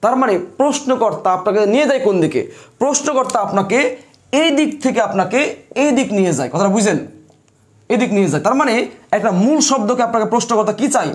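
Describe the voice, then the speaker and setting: A man's voice: high-pitched, expressive, fast. A man teaching grammar for exams, repeating instructions and answering his own questions. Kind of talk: exam-prep lesson.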